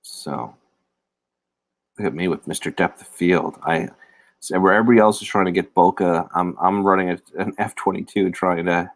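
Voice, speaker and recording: Male streamer, casual chat, slightly low voice, dry close recording. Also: steady tone, normal speed, no room sound. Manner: rambling, self-deprecating, talks to chat viewers. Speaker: livestream host. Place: indoor room. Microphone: phone or laptop camera mic.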